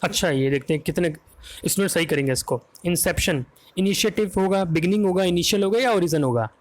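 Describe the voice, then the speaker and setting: A man with an Indian accent teaching English vocabulary for an exam, talking fast in a quiz style and often checking that students follow. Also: sits high. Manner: fast, drills answers with repeated "है ना?" checks.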